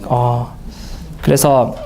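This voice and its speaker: A man speaking at a church Bible seminar in an earnest, halting way, with many fillers and restarts. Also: medium pitch, little pitch movement, gravelly, dark tone, slight background noise.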